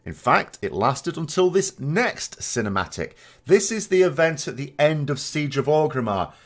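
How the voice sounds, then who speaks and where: A man narrating a video of game lore commentary, explaining things in a measured, emphatic way. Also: a little high, big pitch swings, over music.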